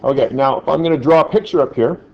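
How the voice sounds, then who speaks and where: A man's voice: a little high, fast, gravelly. A male teacher giving a classroom lecture, joking with the class and often checking in with "right?". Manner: jokey, keeps checking in with "right?". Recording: echoey, dull lo-fi classroom recording.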